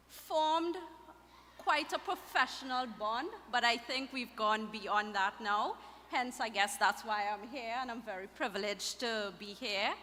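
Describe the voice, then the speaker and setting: A woman's voice: fairly high pitch, sharp tone, slight background noise. A middle-aged woman giving a chatty, laughing toast at a wedding reception. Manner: chatty, laughs between phrases. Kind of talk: casual wedding speech. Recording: reverberant hall with faint ambience.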